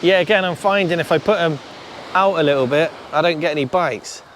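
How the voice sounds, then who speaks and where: A man's voice: fairly high pitch, fairly quick, fairly bright tone. A man talking casually to camera while shore fishing, muttering to himself and swearing now and then. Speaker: shore angler vlogger. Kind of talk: casual outdoor fishing vlog. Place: shingle beach by the sea, outdoors. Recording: surf noise behind.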